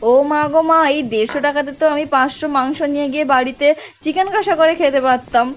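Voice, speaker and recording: A woman's voice: high-pitched, brisk, dull audio. A young woman, telling her day in a self-mocking, chatty vlog voice-over that talks straight to her viewers. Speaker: vlogger.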